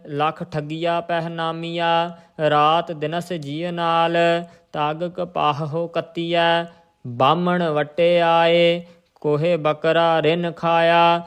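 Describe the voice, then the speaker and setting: Male recitation teacher, measured and monotone chant, fairly high voice. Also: clean tone. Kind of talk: slow scripture recitation with pronunciation tips.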